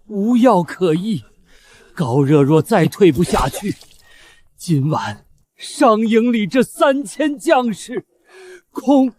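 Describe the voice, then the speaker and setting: An actor playing an old, fearful imperial physician in a historical drama, speaking humbly and haltingly in formal archaic phrases. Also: male voice, sits high, sing-song, darkish tone, exaggerated voice. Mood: despairing. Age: older.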